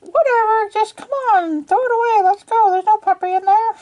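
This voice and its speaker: A woman voicing an impatient, nagging mom in a high, squeaky put-on voice. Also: fairly even intonation, moderate pace, a little mellow.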